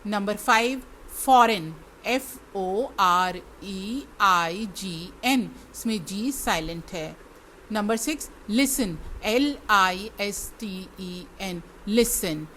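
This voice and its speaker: A woman's voice: medium pitch, drawn-out words, fairly bright tone, slight background noise. An Indian woman teaching English to students, spelling words letter by letter and repeating each one. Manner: addresses students directly. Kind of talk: classroom lesson spelling words aloud.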